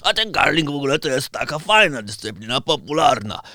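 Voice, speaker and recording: A man's voice: on the high side, very animated, a little fast, bright, forceful tone, no echo, studio quality, voice pushed up, heavily acted. A man voicing a playful uncle who asks quiz questions and cracks corny jokes. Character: joking uncle posing quiz riddles.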